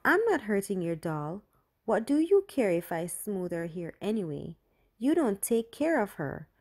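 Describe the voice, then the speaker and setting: A woman's voice: very animated, unhurried, darkish tone. A woman voicing a young girl who whines and shrieks when upset. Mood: whiny. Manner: high whining and shrieking. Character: young girl Julie, whiny and tearful.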